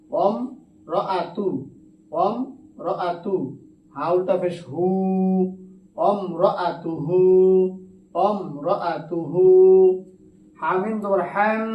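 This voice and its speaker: A man with a Bangladeshi Bengali accent teaching Quran reading, spelling out letters and vowel marks slowly in a drawn-out, melodic way. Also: high voice, slight background noise. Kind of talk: spelling-out recitation lesson. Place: madrasa classroom. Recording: echoey room, mic at a distance, faint background ambience.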